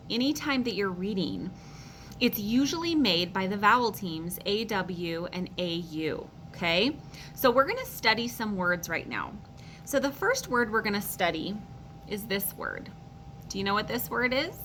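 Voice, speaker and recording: A woman teaching a phonics lesson to young children, slowly sounding out words and encouraging them. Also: medium pitch, fairly bright tone, a little hiss or hum, poor audio.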